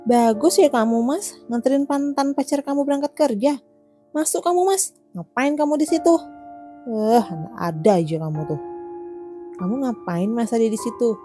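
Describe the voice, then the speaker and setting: Cartoon drama: woman playing an indignant jealous wife, mellow tone. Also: mid-range voice, normal speed, faint music behind, natural voice. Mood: angry. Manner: scolding, indignant. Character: jealous young wife, sharp and accusing.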